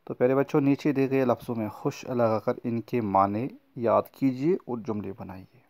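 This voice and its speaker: A man's voice: medium pitch, fairly even intonation, vocal fry, darkish tone. A man teaching a recorded lesson to young schoolchildren, patiently explaining word meanings and repeating key points. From Kashmir. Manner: patient, explains words slowly and repeats them for children.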